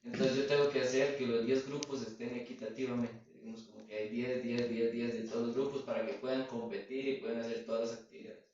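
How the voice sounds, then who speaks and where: A man's voice: medium pitch, level tone, brisk, darkish tone, slight background noise. A man giving an earnest church testimony, telling his story and asking himself questions as he goes. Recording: very echoey, distant, dull sound.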